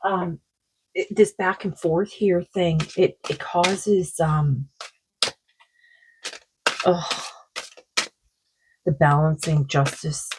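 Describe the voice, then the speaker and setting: A woman doing a tarot card reading, talking in a slow, meandering way, her throat sore. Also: lowish voice, steady tone, noisy background. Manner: slow, meandering, full of likes and you-knows. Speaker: psychic card reader.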